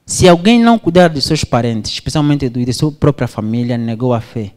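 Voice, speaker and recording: Man preaching in a reverberant hall. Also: fairly quick. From Angola. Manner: animated storytelling, voice swings high and low. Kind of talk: sermon with storytelling.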